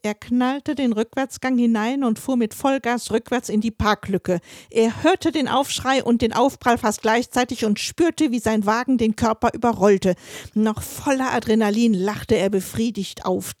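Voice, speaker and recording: A woman reading a dark short story aloud as its narrator, with expressive delivery that shifts pace with the tension. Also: on the high side, unhurried, no echo, clean studio sound.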